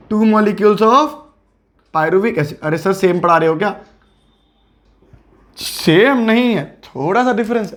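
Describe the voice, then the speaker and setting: A young man teaching biology for exam prep, friendly and coaxing. He repeats key terms and asks and answers his own questions. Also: high voice.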